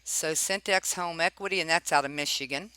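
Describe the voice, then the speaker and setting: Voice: mid-range voice, a little fast, sharp tone, smooth, no room sound, poor audio. A person giving informal commentary while reading documents aloud, pointed and questioning, often tagging remarks with check-in questions. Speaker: narrator reviewing property records.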